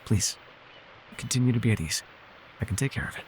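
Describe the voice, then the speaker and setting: In an intimate fantasy ASMR roleplay, a man plays a soft-spoken, weary immortal elf healer, gentle yet wry, using measured, formal wording. The voice is natural and medium-pitched, soothing in mood, with slight background noise.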